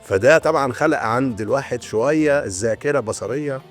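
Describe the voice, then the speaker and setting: A man in his sixties with an Egyptian Arabic accent, a retired antiquities restorer explaining his craft in a casual interview, often pausing and restarting mid-sentence. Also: medium pitch, faint music behind. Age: 60s. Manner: storytelling, explaining with many hesitations and restarts.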